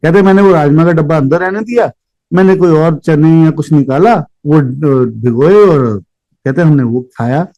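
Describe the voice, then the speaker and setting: A man's voice: fairly high pitch, moderate pace, warm tone, dry recording, dull audio. A middle-aged man earnestly sharing a devotional personal story, mixing English words into his speech and often addressing his listeners respectfully. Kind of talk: devotional testimony, casual storytelling.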